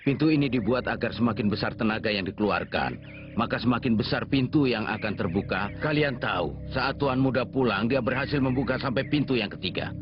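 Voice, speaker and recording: A man's voice: mid-range voice, a little fast, close to an everyday voice. A man voicing a dutiful, easily flustered middle-aged gatekeeper in an amateur anime fan dub, speaking politely and hesitantly. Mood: explaining. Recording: lo-fi with background music.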